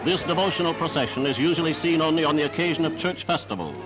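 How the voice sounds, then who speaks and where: A man's voice: a little high, fast talker, low-quality recording. A man reading scripted 1940s newsreel narration in a formal, declamatory manner on a period soundtrack.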